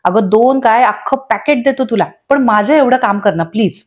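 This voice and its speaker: A woman's voice: on the high side, moderate pace, lightly acted. A woman voicing a jovial, bantering middle-aged man in a retold TV serial, on slightly dull lo-fi audio. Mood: teasing. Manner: playful, bantering.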